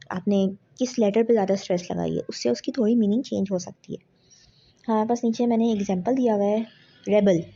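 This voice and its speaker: A woman's voice: fairly high pitch, gravelly, mellow, breathy edge. A young woman gives an exam revision lecture, explaining step by step and mixing in English terms. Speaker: tutor. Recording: dull lo-fi audio.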